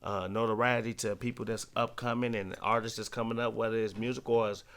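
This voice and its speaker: A man's voice: on the low side, little pitch movement, fairly quick, fairly bright tone. A man, a rapper guest chatting on a radio show in a studio, laid-back and hesitant with fillers. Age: 40s. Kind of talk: casual radio chat.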